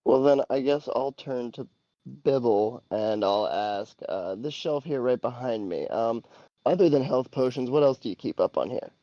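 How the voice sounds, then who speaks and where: A man's voice: medium pitch, lively intonation, normal speed, warm tone, dry recording, lo-fi sound. A man talking casually as a player in a tabletop game, improvising his character's moves. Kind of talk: casual improvised role-play talk.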